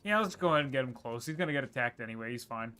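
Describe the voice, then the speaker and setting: A man streaming a video game, rambling and thinking aloud with quick laughs as he plays. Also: medium pitch, lively intonation, bright, forceful tone, clear, resonant tone. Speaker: gaming streamer. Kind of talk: casual gameplay commentary.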